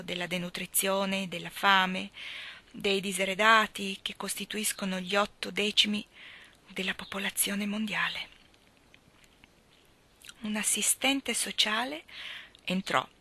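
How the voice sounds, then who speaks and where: A woman reading a novel aloud as an audiobook, voicing the dialogue with lively expression. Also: medium pitch. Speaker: reader.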